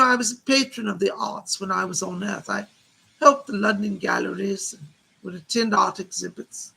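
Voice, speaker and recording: A refined gentleman spirit guide acted by a man as a trance seance medium chats politely and reminisces. The voice is creaky and husky with a bright edge, full of old-world courtesy. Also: sits high, exaggerated voice, low-quality recording. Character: chatty cultured gentleman spirit guide, London art patron.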